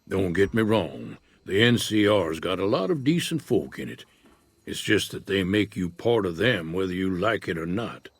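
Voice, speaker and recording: A husky old prospector, slow and folksy. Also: male voice, sits low, big pitch swings, dry recording, heavily acted. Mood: easygoing. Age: older. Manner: unhurried, folksy drawl. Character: weathered old male prospector, laid-back and wary. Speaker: retired prospector in a frontier town. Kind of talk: video game dialogue.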